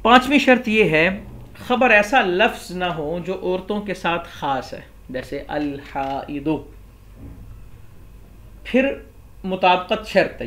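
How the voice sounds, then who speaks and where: A man's voice: on the high side, fairly bright tone. Pakistani man teaching a grammar lesson. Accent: Pakistani Urdu. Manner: explains step by step, poses and answers objections. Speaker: Islamic scholar teaching Arabic grammar.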